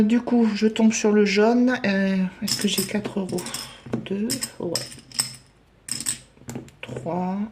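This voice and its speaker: A woman chatting casually as she fills in savings challenges, hesitating often and counting out loud. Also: mid-range voice, creaky, noisy background. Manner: chatty, self-deprecating, lots of hesitations and counting aloud. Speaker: budget vlogger. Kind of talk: casual chat while doing savings challenges.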